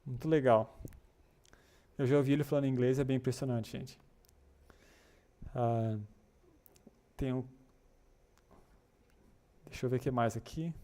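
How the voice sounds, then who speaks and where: Chatty man with a mellow voice. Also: medium pitch, fairly even intonation, a little slow, pauses often. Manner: chatty, encouraging, many filler tags and restarts. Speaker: English class host for a developer community. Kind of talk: casual live-stream lesson reading chat comments.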